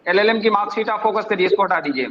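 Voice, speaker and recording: Polite male principal heard over a video call, high bright voice, muffled lo-fi audio with a faint hiss. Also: fast talker. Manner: polite, formal. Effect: heard over a video call line. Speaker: college principal.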